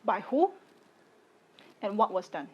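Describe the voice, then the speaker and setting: A Singaporean content creator in her late twenties makes a personal statement to the camera in short, measured phrases that stay firm and deliberate. Her voice is of ordinary pitch for a woman but swings widely, sounds slightly rough, and the sound is lo-fi.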